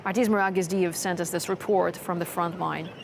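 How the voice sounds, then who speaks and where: A woman's voice: on the low side, steady tone, a little fast, vocal fry, background noise. A woman presenting scripted television news as an anchor. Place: TV studio.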